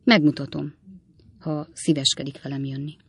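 A gloomy prison turnkey voiced by an audiobook narrator speaks with polite, respectful deference. The voice is gravelly and sits in a middle pitch. The sound is close and dry. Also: level tone, dry recording. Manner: polite, says "sir" often. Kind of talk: audiobook character reading.

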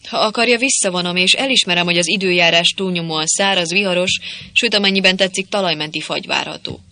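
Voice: mid-range voice, pushed and bright, dry recording. A reader voicing a meek, apologetic male legionnaire clerk who talks in an overly polite, stammering way. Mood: placating.

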